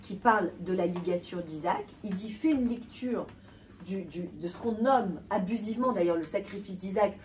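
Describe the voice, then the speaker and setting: A woman's voice: mid-range voice, moderate pace. Woman, lecturing a crowd. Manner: animated, emphatic, restarts and repeats words. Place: hall with a live audience. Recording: distant voice with faint room noise.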